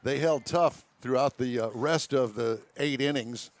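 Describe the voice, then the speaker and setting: A man's voice: mid-range voice, unhurried. A man with a mid-range voice hosts a casual live radio show. He talks in a folksy, rambling way with a jokey streak. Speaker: radio car show host. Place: live remote broadcast at a car show. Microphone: broadcast headset.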